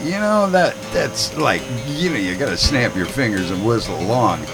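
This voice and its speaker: A man's voice: mid-range voice, big pitch swings, normal speed. A man hosting a fishing radio show, joking loosely with his own guitar playing behind him. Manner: jokey, loose, laughing often. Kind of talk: casual radio chat. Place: radio studio.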